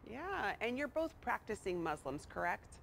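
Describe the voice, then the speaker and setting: A woman's voice: mid-range voice, big pitch swings, moderate pace, gravelly, a bit bright. A woman hosting a TV show, introducing her guests and asking friendly, upbeat questions. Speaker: TV show host. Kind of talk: TV interview hosting.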